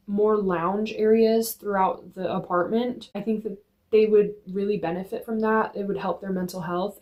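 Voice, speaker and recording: A young woman talking to camera in a casual vlog, chatty and earnest with lots of "like", filmed on a phone on a tripod in a dim room at home. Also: medium pitch. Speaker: vlogger. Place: dim room in her apartment.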